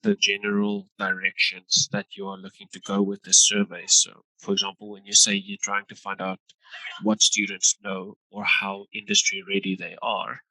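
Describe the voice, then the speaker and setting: Casting: man, informal interviewer, forward bright tone, close and dry in a working office. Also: fairly low pitch, monotone, normal speed, dry recording, low-quality recording. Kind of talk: informal recorded interview introduction and questions. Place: busy shared office. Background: busy office background noise.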